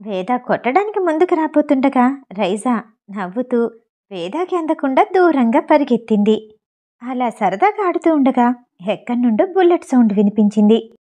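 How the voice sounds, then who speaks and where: A woman narrating a novel aloud in a steady storytelling delivery. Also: a little high, normal speed. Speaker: audiobook narrator.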